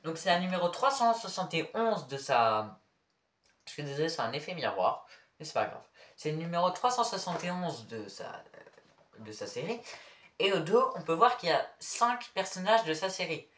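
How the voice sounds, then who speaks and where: A man's voice: on the high side, big pitch swings, normal speed, a bit bright. A man casually showing his figurine collection to the camera, talking hesitantly with many fillers and self-corrections. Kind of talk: casual show-and-tell to camera. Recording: echoey room, mic far off.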